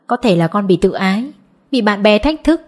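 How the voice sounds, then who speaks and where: A woman's voice: medium pitch, lively intonation, moderate pace, darkish tone, natural voice. Woman reading a stern middle-aged mother. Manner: scolding, then soothing.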